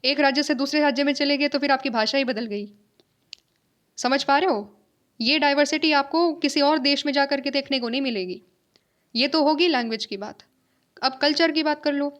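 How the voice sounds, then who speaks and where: A woman's voice: high-pitched, normal speed, a bit bright. A woman teacher giving a lecture, asking and answering her own questions, repeating key points and checking that her students follow. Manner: mixes in English phrases, checks understanding with tag questions. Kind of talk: classroom lecture.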